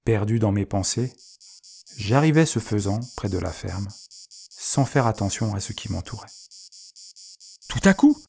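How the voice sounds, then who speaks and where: A man narrating a storybook in first person, reading softly and expressively. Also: on the low side, normal speed, gravelly, slight background noise. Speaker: audiobook narrator.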